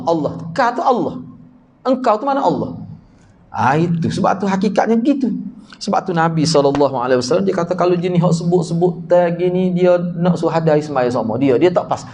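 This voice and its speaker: A man's voice: fairly high pitch, fast talker, warm tone, a little hiss or hum. A man from Malaysia with a Kelantanese Malay accent, teaching a hadith study class in a conversational way, explaining terms and putting questions to his listeners. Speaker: religious teacher.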